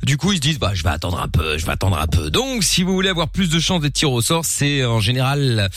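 Guy hosting a radio show, talks fast, slangy and teasing, close dry mic. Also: medium pitch, sing-song, fairly bright tone, no echo. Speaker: radio phone-in host. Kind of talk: lively casual radio chat. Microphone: close studio microphone.

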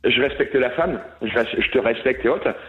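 A man's voice: mid-range voice, normal speed, over music. A man calling a radio show, insistently repeating himself and pleading to be heard. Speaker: caller. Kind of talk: call-in radio. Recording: dull lo-fi phone line.

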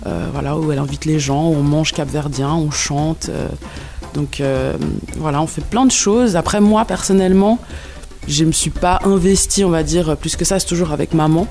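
Hesitant gravelly-voiced woman singer. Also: deep voice, normal speed, faint music behind. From Switzerland and Cape Verde. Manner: hesitant, many fillers, relaxed. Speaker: singer, interview guest. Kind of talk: casual interview answers.

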